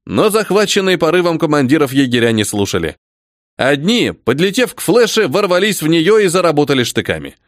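A man reading a first-person audiobook in a dramatic, expressive manner. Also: fairly high pitch, fairly quick, no room sound, clean studio sound. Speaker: audiobook narrator.

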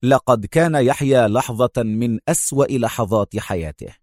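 A man reads a dramatic story aloud at a measured, steady pace. His voice sits at a middle pitch, and the sound is dry and close with no room echo. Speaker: narrator. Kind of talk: dramatic audiobook narration.

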